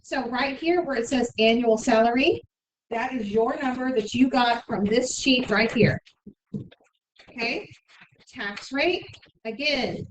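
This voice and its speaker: Woman teaching math in an echoey classroom. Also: high voice. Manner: brisk, frequent "okay?" check-ins. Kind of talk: classroom instruction. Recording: echoey room, mic far off, faint noise.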